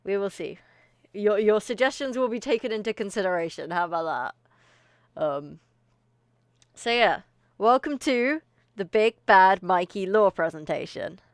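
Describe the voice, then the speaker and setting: A woman's voice: mid-range voice, lively intonation, a little slow, long pauses, dry recording, studio quality. A woman streamer chatting casually to her live audience, a little out of breath, rambling and often laughing. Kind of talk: casual livestream chat.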